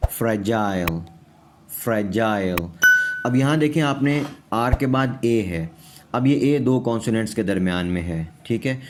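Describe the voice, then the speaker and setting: A man's voice: lowish voice, darkish tone. A man with a Pakistani accent teaching English pronunciation in Urdu, patiently repeating each word and checking in with his students.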